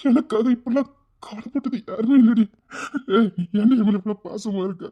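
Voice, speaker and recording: A woman acting as a lonely, tender-hearted man in a Tirunelveli Tamil drama, tearful and pleading, often hushed. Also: on the high side, moderate pace, lo-fi sound, natural voice. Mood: moved.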